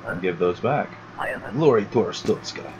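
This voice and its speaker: A man casually commenting as he plays a game for the first time, chatty and sarcastic, reading on-screen text aloud on a low-quality home mic. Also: animated, moderate pace, lo-fi sound, very noisy. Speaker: gaming YouTuber. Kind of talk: casual let's-play commentary. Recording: loud game music behind.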